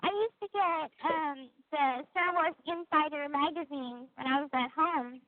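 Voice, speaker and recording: A woman calling on a prison phone line, chatting casually and softly with a friend. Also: sits high, a little slow, no room sound. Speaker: caller.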